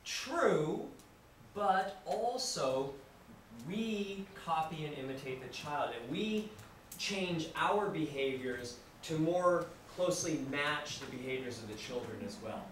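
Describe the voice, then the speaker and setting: A man giving a classroom lecture to students, lively and acting out examples as he explains. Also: fairly high pitch, slow. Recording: very echoey room, distant mic, background noise.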